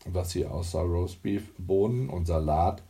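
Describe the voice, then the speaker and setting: A man narrates a novel in a measured, wry reading. His voice is low and dark with a gravelly texture, and he takes his time over every phrase. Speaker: audiobook narrator. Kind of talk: scripted narration.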